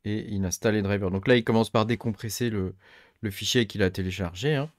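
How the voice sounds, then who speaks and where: A man, middle-aged, hosting a casual tech tutorial, thinking aloud and filling pauses with many hesitations. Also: lowish voice, no room sound, studio quality. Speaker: tech channel host. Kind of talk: casual screen-recorded tutorial.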